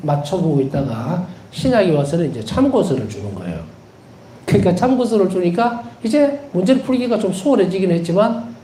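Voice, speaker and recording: Animated Korean priest, roomy echo. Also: male voice, sits high, slight background noise. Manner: animated, repeats key words for emphasis; tells anecdotes with gentle humor. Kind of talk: devotional lecture.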